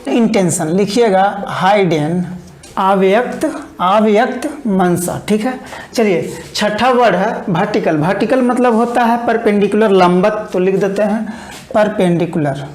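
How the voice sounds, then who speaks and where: A woman teaching English vocabulary in an online exam-prep lesson, explaining each word and then dictating it slowly with repetitions. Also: mid-range voice, darkish tone, roomy sound.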